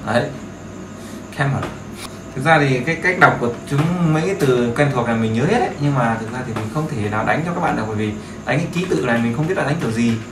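A man gives a relaxed beginner lesson, repeating words and phrases and asking his students to agree. His voice sits at an ordinary pitch. The room is echoey, with a faint hum of background noise. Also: rapid-fire, few pauses. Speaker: English teacher. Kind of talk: casual screen-share lesson.

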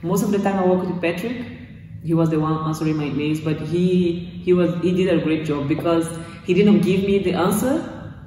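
Standing in front of weight racks in a small indoor gym, a young woman from Brazil offers a casual testimonial as a course graduate, in English as a second language with a Brazilian Portuguese accent, frequently restarting as she hunts for words. Her fairly low, dark voice moves at a moderate pace. A far camera captures her off-mic in an echoey room, with a little hiss or hum.

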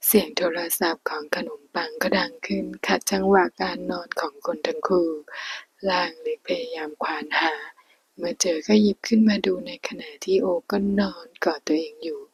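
A woman reading a romance story aloud in a hushed, unhurried whisper. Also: fairly low pitch, fairly even intonation. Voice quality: breathy.

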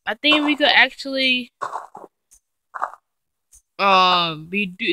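A woman giving casual, chatty gameplay commentary, talking straight to her viewers and getting excitable and easily frightened as she plays. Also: fairly high pitch, slight background noise. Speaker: let's play gamer.

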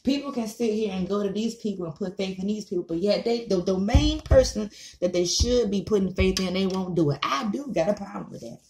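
An American online commentary vlogger in her thirties rants to camera in a casual, blunt, emphatic and repetitive way, swearing freely. Her medium-pitched voice is brisk and a little mellow, with soft music playing behind her in an echoey small room.

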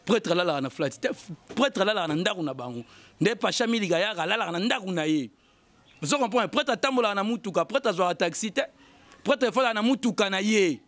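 A man's voice: sits high, lively intonation, fast talker, a bit bright. A man giving emphatic commentary, repeating phrases and chanting fillers. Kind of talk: animated commentary mixing Lingala and French.

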